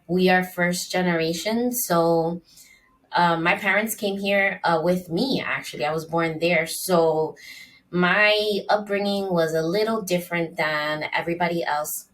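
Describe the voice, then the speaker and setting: A woman's voice: on the low side, a little slow, a bit bright, far from the mic, rough recording. A middle-aged woman hosting her solo podcast in an upbeat, chatty way, with plenty of ums and uhs. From Dominican Republic. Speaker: podcast host. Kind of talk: casual solo podcast monologue.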